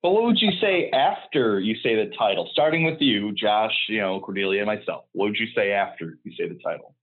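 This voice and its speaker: Co-host, male, joining over a phone line; sounds tinny, lively pitch, playful and teasing. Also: brisk. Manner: laughs often, playful teasing. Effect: heard over a phone or call line. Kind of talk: casual comedic banter.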